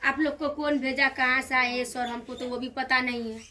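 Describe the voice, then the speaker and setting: A woman's voice: high-pitched, steady tone, moderate pace, bright, forceful tone. A woman telling her account plainly and complaining about the situation. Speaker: interviewee. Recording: crowd audible behind.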